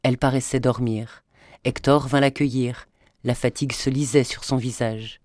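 An audiobook narrator reads a novel aloud in scripted narration, his storytelling measured and even. He has a mid-range voice, recorded cleanly in a studio with no room sound.

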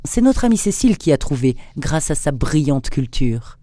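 A man voicing an older learned marquis, talking his way through a puzzle with eager, rising lift, in a dry, close-miked recording with a warm, mellow tone. The voice stays close and unadorned, an audiobook scholar in full flow. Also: on the high side, very animated, moderate pace, no room sound. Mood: explaining.

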